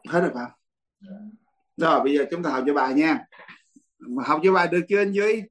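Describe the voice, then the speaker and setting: A man's voice: fairly high pitch, animated, fast, a bit bright, poor audio. A man, a Buddhist monk, teaching a dharma class in a blunt, teasing way and laughing often.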